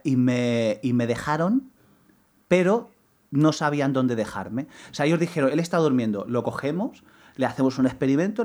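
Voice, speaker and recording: Rambling young man telling stories. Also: medium pitch. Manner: rambling, many restarts, animated retelling. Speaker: podcast co-host. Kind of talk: casual chat, storytelling.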